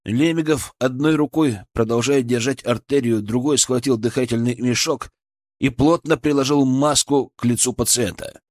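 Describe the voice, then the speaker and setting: A man's voice: mid-range voice, moderate pace, darkish tone, dry recording, studio quality. Man narrating an audiobook. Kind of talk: scripted narration.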